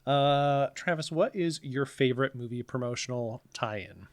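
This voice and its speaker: A male podcast co-host chats casually and jokes along. His pitch is average for a man. The recording is dry, with hardly any room around the voice. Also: a little slow, no echo. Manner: joking, conversational. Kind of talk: casual comic chat.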